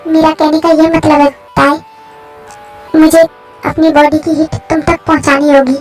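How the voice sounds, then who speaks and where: A woman's voice: high voice, little pitch movement, moderate pace, faint music behind, lightly acted. A woman voicing an anxious, protective young man in a fan story, talking in a pleading, fretful way. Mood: insistent.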